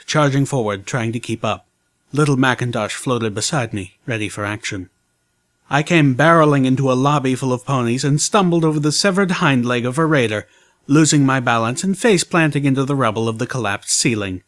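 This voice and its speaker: A man reads a fan fiction story aloud in the first person. His voice sits in a medium male range, delivered as steady storytelling. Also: mid-range voice, fairly quick. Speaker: audiobook narrator.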